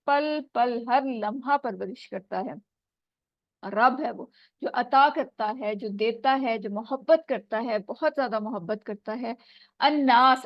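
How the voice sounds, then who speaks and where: Over a shaky video call, a woman teacher with a high-pitched, echo-free voice patiently tests her students word by word. Her voice keeps cutting out, and the online call audio is dull and dry.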